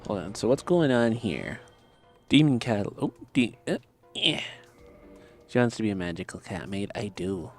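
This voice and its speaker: A man's voice: lowish voice, big pitch swings, moderate pace. A man with a lisp chatting casually as he streams a game, rambling and muttering to himself. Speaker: live streamer. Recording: music playing under the voice. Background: background music.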